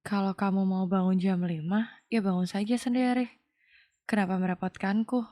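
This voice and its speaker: A woman's voice: mid-range voice, fairly even intonation, normal speed, natural voice. A woman reading as a fed-up, defiant young woman. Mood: irritated. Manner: sharp and irritated. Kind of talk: audio novel reading.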